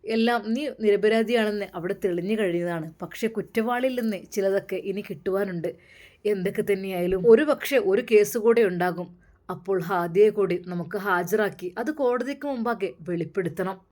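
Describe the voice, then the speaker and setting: A woman voicing a calm young male religious scholar in a storytelling video, speaking low and softly. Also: a little fast, close to an everyday voice. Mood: explaining.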